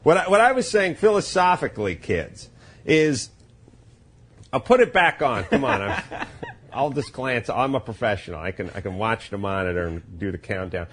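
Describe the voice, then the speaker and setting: A man's voice: mid-range voice, sing-song, moderate pace, a bit bright, slight background noise. A middle-aged man hosting a podcast, rambling and joking crudely in casual banter, often interrupting himself. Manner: rambling, self-interrupting, jokey. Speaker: podcast host.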